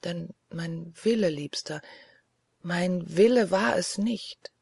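A reader voicing a grave, frightened young woman who speaks softly in a hushed tone, in an audiobook reading. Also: mid-range voice, unhurried, creaky, slightly rough, no echo. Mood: hushed, solemn.

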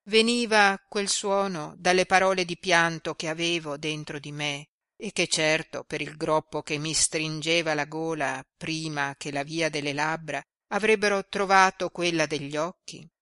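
A woman volunteer reader from Italy narrating a novella in a measured, expressive way. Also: low voice, no echo, studio quality. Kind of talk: scripted narration.

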